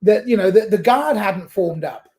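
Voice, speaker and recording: A man commentating live on a rugby match who gets excited and breaks into shouts at big plays. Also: sits high, moderate pace.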